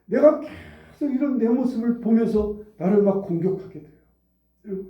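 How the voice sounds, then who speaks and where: Pastor guy preaching in church, higher voice, keeps repeating himself and asking the room stuff, echoey and kinda muffled. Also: animated, moderate pace, far from the mic. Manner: emphatic, repeats phrases, asks the congregation questions. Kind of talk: sermon. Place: church sanctuary.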